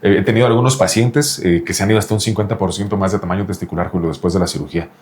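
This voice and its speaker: Racing along in a deep, darkish voice with fairly level intonation, a male doctor in reproductive andrology explains things to a patient with insistence. He often repeats the patient's name throughout this explanatory interview.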